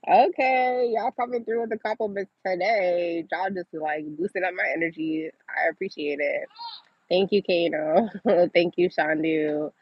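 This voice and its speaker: Her voice is lowish and steady with a breathy edge, and she keeps a measured pace. She's a Massachusetts livestream host who reads and answers viewer comments casually, chatting and laughing a lot. The audio is lo-fi with no room sound.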